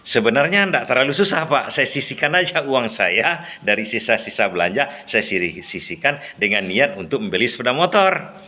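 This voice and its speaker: A man doing a calm humble errand boy. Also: mid-range voice, normal speed. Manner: plain, simple-spoken, serene.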